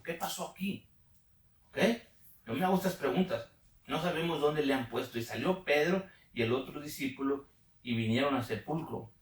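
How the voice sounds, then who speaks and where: A Bible teacher leads a study, reading passages aloud, explaining them, and often checking in with listeners through questions. His voice is fairly high, creaky, and a little bright. The mic sits at a distance in a room with a roomy echo.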